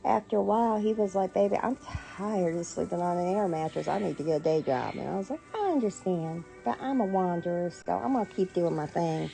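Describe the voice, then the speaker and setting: Animated and fairly quick, barely pausing, a middle-aged American woman with a fairly low, dark voice tells a personal story in a casual, sassy, playful style with acted-out dialogue. She's a storyteller and online content creator; the recording is low quality, with music clearly behind her.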